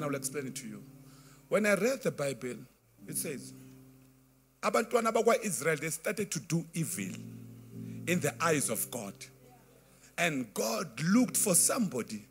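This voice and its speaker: A South African man in his thirties preaching a sermon into a handheld microphone in a large church tent, impassioned and half-singing his lines. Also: on the high side. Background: faint band music.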